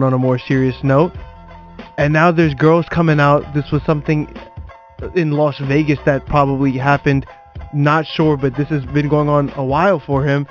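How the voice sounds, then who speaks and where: A man with a somewhat high voice makes sarcastic jokes while talking sports. His delivery is casual and teasing. The recording sounds dull, with faint music behind him. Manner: joking, sarcastic. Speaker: sports show co-host.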